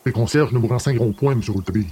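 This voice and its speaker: An actor playing a calm, ironic police detective of about fifty, speaking in a dry and unhurried way. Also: male voice, mid-range voice, breathy edge, close to an everyday voice. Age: 50s. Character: cool ironic middle-aged male police detective.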